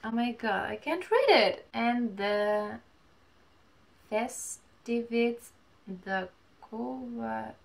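A woman in her twenties chatting casually while opening mail at home, gushing and reading letters aloud haltingly. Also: fairly high pitch, animated, creaky. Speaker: vlogger. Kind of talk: casual unboxing chat. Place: small home room, indoors.

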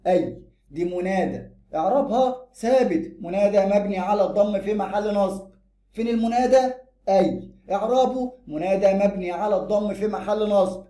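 A man with an Egyptian Arabic accent teaching a grammar lesson, quick and emphatic, slowing down to stress each example. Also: sits high, mellow, reverberant. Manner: brisk, drills examples slowly and emphatically.

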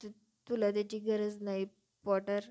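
A woman reading as a jittery young professor who trips over his first syllables and sounds afraid of everyone. The voice sits fairly high and stays timid and hesitant. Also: steady tone, unhurried, dark tone, lightly acted. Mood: nervous. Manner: stammering, timid. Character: stuttering nervous young male professor.

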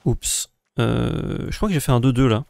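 A man with an ordinary middle-pitched voice plays a card game while thinking aloud, counting his moves in a relaxed, casual tone. The recording is dry and close-miked. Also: moderate pace, creaky, no room sound. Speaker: co-host playing the game. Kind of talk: casual gameplay commentary.

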